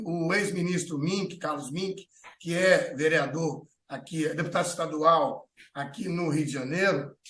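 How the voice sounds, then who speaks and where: A Brazilian man hosts a talk show, voicing strong opinions. His voice sits high and often hesitates and restarts mid-sentence. The sound carries a clear room echo. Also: a bit bright. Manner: thinks aloud with many fillers and restarts. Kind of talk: opinionated political chat.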